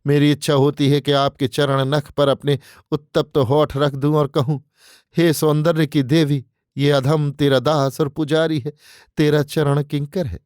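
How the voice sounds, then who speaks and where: A man's voice: a little high, flat delivery, a little slow, darkish tone, clear, resonant tone, no room sound, clean studio sound, natural voice. A male narrator voicing a scheming young man who confesses devotion in flowery, pleading words, read as an audiobook character. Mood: adoring.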